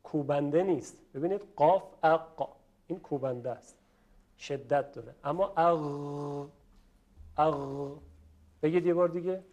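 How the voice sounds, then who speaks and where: A man teaching a class how to pronounce Arabic letters, politely asking students questions and stretching out example words slowly. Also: fairly high pitch, warm tone. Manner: slow, drawn-out model pronunciations. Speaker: Quran recitation teacher. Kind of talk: classroom lesson on letter pronunciation.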